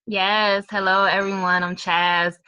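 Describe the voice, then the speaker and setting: A woman's voice: mid-range voice, flat delivery, a little slow, pushed and bright, muffled recording, a little hiss or hum. A woman in her thirties from Chicago, a podcast guest talking in an upbeat, chatty way with many fillers. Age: 30s. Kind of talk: casual podcast chat.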